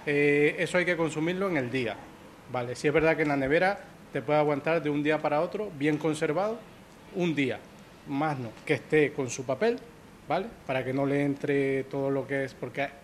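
A man's voice: a little high, moderate pace, slight background noise. A man from Ecuador who manages a pastry shop, answering interview questions in a hesitant way, repeating words and checking in with "¿vale?".

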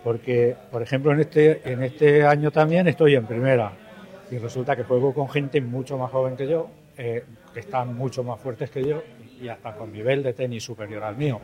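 A man's voice: medium pitch, fairly even intonation, moderate pace, warm tone. A man in his seventies, an amateur tennis player giving a reflective, earnest interview answer. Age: 70s.

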